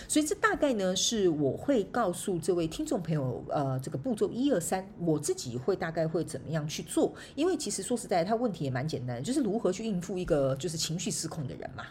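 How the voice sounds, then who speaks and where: A woman's voice: fairly low pitch, huge pitch swings, fairly quick, hardly any pauses, darkish tone, slight background noise. A woman hosting a solo podcast, giving casual advice in a chatty, playful way full of laughing asides. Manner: chatty, frequent laughing tag particles, playful examples. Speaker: podcast host and motivational speaker.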